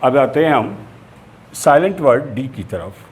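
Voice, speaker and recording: A man's voice: medium pitch, expressive, a little slow. A man teaching a lesson, explaining spellings steadily and spelling words out letter by letter.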